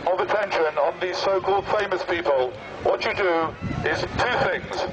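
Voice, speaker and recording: A man speaking through a megaphone on a busy outdoor square, making formal, deadpan mock public announcements. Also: sits high, normal speed, over music. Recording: muffled megaphone with street noise.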